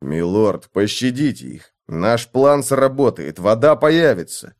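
A man's voice: medium pitch, big pitch swings, measured pace, a little mellow. A man playing a firm, earnest young soldier. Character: steady young male soldier, sensible. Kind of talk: audiobook character voice.

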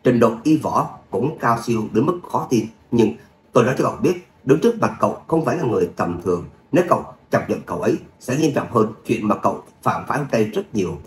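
A man's voice: animated, fast, lightly acted. A man reading a stern, grave elder. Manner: low, stern warning. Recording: roomy echo, faint hum.

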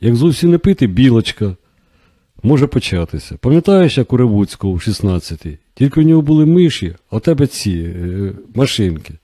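A man reading an easygoing, joking male doctor colleague in an audiobook, with relaxed, breezy banter. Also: mid-range voice, fairly quick, dry recording.

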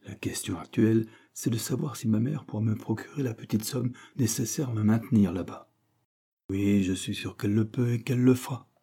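A man's voice: fairly low pitch, brisk, creaky, warm tone, breathy edge. A man voicing an earnest, determined young student in an audiobook. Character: eager young man, poor student set on university.

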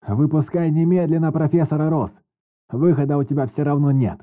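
A man voicing a male squad commander who shouts orders through a wall. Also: on the high side, fairly even intonation, brisk, phone-quality sound, voice pushed up, natural voice. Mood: commanding.

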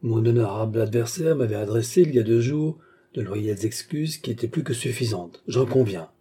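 A man's voice: medium pitch, animated, brisk, mellow, slightly rough. A man voicing a phlegmatic English baronet, speaking in a polished, formal and courteous way. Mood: suave.

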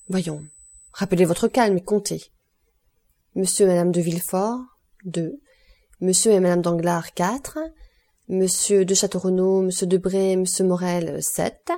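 A cool aristocratic count from a classic audiobook, as a woman reader puts him on, measured, ironic and used to being obeyed. The voice is low-pitched and mellow, with an even, authoritative delivery.

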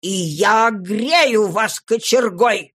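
A woman voicing a proud, irritable older gentleman who speaks stiffly and keeps clearing his throat in a storybook reading. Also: deep voice, animated, takes it slowly, heavily acted. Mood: furious.

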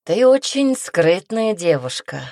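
A woman's voice: medium pitch, very animated, slow pace, dark tone, dry recording, studio quality. A woman voicing a male prince who speaks steadily and urges the heroine on with commands. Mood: earnest.

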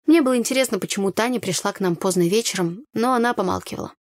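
Woman narrator, mid pitch, dry close recording, first-person audiobook read. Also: fast, no echo.

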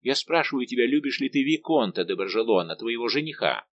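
A man reading the part of a lively young maid of honour who teases and presses her friend with brisk, insistent questions. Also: medium pitch, muffled recording, a little hiss or hum, close to an everyday voice. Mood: pressing.

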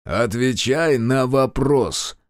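A man's voice: medium pitch, slow pace, no room sound, clean studio sound, close to an everyday voice. A man doing a barking, hot-tempered commander. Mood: gruff. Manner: barking, sarcastic. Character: hot-tempered male commander, coarse and loud.

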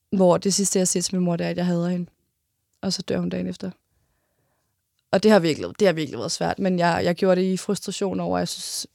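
A woman in her twenties telling a personal story in an interview, halting, with many restarts and pauses. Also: fairly low pitch, gravelly, warm tone, dry recording, studio quality.

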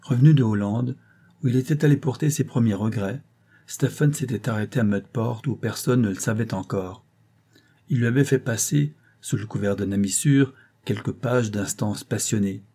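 A man reading a classic novella aloud in a measured, dramatic storytelling manner. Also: fairly low pitch, dark tone, husky. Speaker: narrator.

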